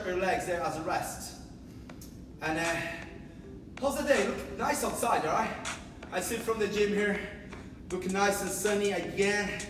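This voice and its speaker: A man with a Brazilian accent, a native Portuguese speaker, working as an energetic aerobics instructor who calls out counts and encouragement while exercising. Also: high-pitched. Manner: energetic, motivating, exerting himself while demonstrating. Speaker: aerobics instructor leading a workout class. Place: large indoor gym studio. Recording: echoey gym hall, distant mic, music behind.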